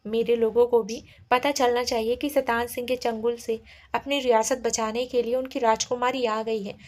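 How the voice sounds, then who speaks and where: Woman storyteller, fairly high voice, reads out a love story, does all the parts herself. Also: fairly even intonation, moderate pace, darkish tone. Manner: voices all characters in her own voice with small shifts. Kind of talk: reading a romantic drama story aloud.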